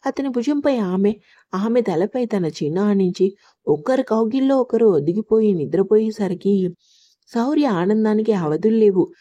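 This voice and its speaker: A woman narrating a love story in a steady, even reading voice. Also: medium pitch, moderate pace, dry recording, lo-fi sound.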